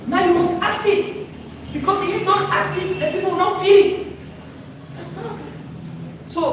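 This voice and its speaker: A man coaching public speaking in a live workshop, demonstrating points and quizzing the audience. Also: very high voice. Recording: echoey room, far from mic, noisy.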